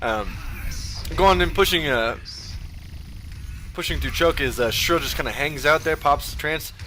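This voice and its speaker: A man giving casual, profane play-by-play of a video game match, full of ums and uhs, with sudden bursts of excitement. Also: on the high side, moderate pace, a little hiss or hum. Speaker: esports caster.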